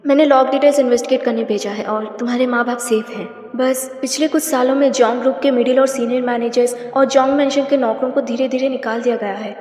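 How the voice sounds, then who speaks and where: A woman dubbing a calm investigator, echoey. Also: a little high, quick pace, hardly any pauses, natural voice. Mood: briefing. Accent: Hindustani. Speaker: dub actor. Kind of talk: dubbed drama acting. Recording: echoey with long reverb.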